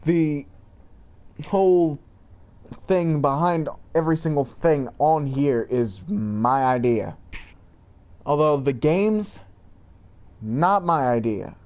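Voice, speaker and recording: Young male vlogger, slow rambling delivery, slightly high voice, halting. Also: a little mellow. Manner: rambling, halting, jumps between high and low pitch. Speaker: channel creator. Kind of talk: rambling lore monologue.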